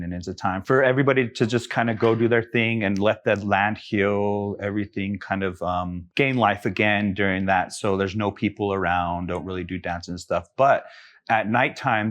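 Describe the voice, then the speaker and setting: A young man from Taos Pueblo speaks as a guest on an artist podcast, with a very low voice. He talks softly and reflectively, pausing often and filling gaps with fillers. His delivery is casual and unhurried. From Taos Pueblo, New Mexico. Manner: soft-spoken, reflective, many fillers. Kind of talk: casual interview talk.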